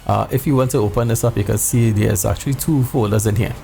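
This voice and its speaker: Middle-aged man, creaky mellow voice, casual tutorial host, music behind. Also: fairly low pitch, steady tone, quick pace. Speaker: sim racing video host. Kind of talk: casual tutorial talk to viewers. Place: indoor home room.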